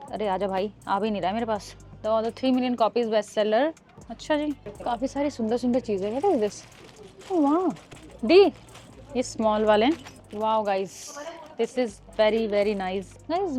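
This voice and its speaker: A woman's voice: fairly high pitch, darkish tone. A young woman vlogger chatting to her viewers in an airport, talking casually and mixing in English words. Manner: chatty, addresses viewers as guys, mixes in English. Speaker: vlogger host. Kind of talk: casual vlog chat. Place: airport terminal.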